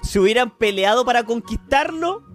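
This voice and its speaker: Rowdy Chilean man, high lively voice. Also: normal speed, soft background music. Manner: teasing, loud, animated, mock-sentimental. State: tipsy. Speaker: podcast host reading listener questions. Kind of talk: rowdy casual chat among friends.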